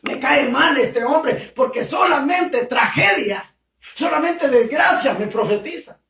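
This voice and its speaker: A man's voice: very high-pitched, expressive, slow pace, vocal fry, pushed and bright, a little hiss or hum, voice pushed up, heavily acted. A man retelling scripture who briefly voices an angry ancient king complaining about a prophet, in a roomy recording from a distance. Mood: resentful. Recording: roomy sound from far off.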